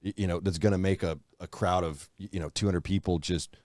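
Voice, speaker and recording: A man hosting a podcast in casual chat, animated, laughing often and swearing freely. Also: low-pitched, fast talker, no room sound, clean studio sound.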